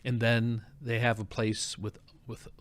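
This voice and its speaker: A man's voice: mid-range voice, monotone, a little slow. A man hosting an interview in a conversational style, with informal, wordy recaps leading into his questions. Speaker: interviewer, show host.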